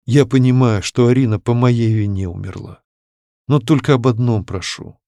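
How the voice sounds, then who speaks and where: A man reading a storybook voicing a brooding middle-aged widower who speaks low, slow and softly, slightly slurred. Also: vocal fry, no room sound, lightly acted. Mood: repentant.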